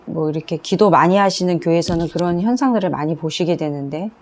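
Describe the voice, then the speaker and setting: Woman preacher, low-ish voice, chatty sermon testimony, repeats herself. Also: fast, slight background noise. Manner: conversational storytelling with frequent fillers and repetition.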